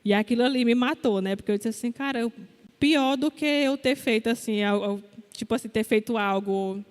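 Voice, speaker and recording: Young woman sharing her testimony at church, high-ish voice, big hall echo, chatty and earnest. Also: brisk. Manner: earnest, conversational, many fillers. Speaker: testimony speaker at a church service. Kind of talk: spoken testimony in a service.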